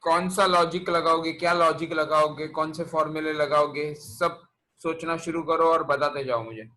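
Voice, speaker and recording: Guy teaching physics online, bright voice, keeps quizzing the class, kinda high. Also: fairly even intonation, moderate pace, poor audio. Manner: quizzing students, mixing English terms into Hindi.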